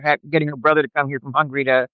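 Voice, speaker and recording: A woman's voice: very deep voice, flat delivery, very fast, dry recording. An older woman, chatting casually and laughing as she tells stories. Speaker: co-host. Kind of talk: casual chat. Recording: dull dry lo-fi sound.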